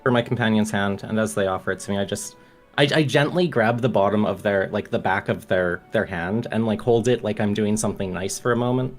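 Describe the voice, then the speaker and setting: A man with a lowish voice plays a tabletop role-playing game. He talks casually and haltingly as he works out his actions. Soft music sits underneath. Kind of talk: casual improvised game chat.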